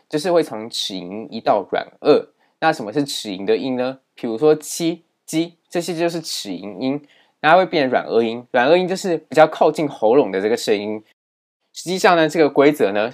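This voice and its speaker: A man teaching a language lesson in a steady explaining manner, with many fillers. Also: mid-range voice.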